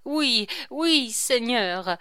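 A woman reading aloud and voicing a frightened, superstitious male king who speaks in a hushed, trembling way. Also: fairly high pitch, sing-song, slow pace, no room sound, clean studio sound, pitched above the performer's own voice, exaggerated voice.

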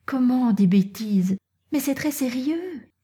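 Woman raising her voice for eager young girl, high and soft, breathy, storybook. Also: a little slow. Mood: indignant. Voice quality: raised girlish pitch. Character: excited young girl, indignant daughter.

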